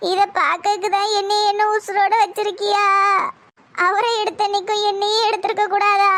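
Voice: very high voice, a bit bright. A voice actor playing an old village grandmother, who laments in a sing-song crying way. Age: older. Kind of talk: cartoon voice acting.

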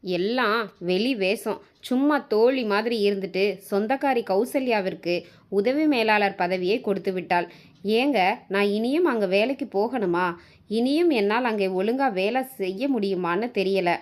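A woman voicing an angry, bitter woman office worker in a storybook reading, with sharp, resentful retorts. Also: medium pitch, normal speed, natural voice.

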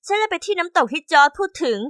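A young woman narrating a first-person diary story in a chatty, expressive scripted style. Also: very high-pitched, racing, dry recording, studio quality.

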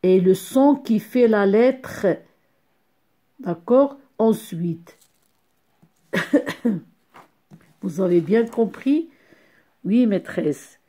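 A woman teaching a young class, speaking slowly and deliberately, repeating each sound and syllable and praising the pupils warmly. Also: mid-range voice, expressive. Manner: encouraging, addresses pupils as "my dear ones". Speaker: primary school teacher. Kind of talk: slow classroom phonics lesson.

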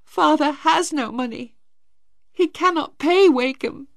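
A woman reading a storybook voicing a distraught teenage girl, high and tearful. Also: a little slow, dry recording, studio quality.

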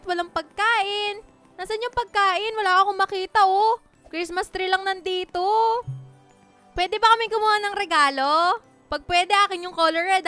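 A woman's voice: very high-pitched, bright, forceful tone, dry recording. A Filipina woman with a Filipino accent, chatting playfully and teasing while roleplaying in a game, laughing often. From Philippines. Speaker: Roblox roleplay creator.

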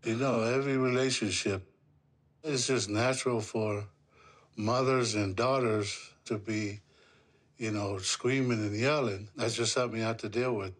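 A middle-aged man from the Pacific islands, speaking seriously and haltingly in an unscripted conversation, with measured pauses. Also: on the low side, steady tone. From Pacific islands, Samoa. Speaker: father-in-law, reality show participant. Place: small indoor room in a house.

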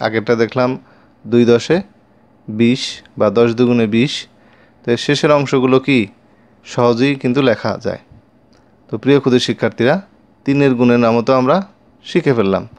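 Man slowly reciting times tables. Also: mid-range voice, a little mellow. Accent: Bengali. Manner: slow, repeats each multiplication line twice; addresses pupils directly with questions. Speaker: math teacher. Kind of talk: recited times-table lesson for young children.

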